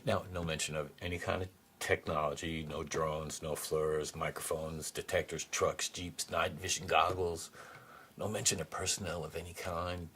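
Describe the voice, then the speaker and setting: Low-voiced sarcastic man hosting a podcast. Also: little pitch movement, normal speed, fairly bright tone, slight background noise. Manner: sarcastic and profane, with mocking rhetorical questions; swings between muttered asides and sudden high-pitched outbursts. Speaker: podcast host. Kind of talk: solo political commentary podcast.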